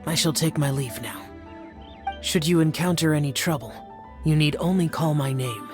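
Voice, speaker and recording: A man's voice: on the high side, normal speed, over music, close to an everyday voice. A man voicing a stern, reserved guardian spirit who speaks formally and measuredly. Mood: solemn. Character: aloof, stern young male guardian spirit.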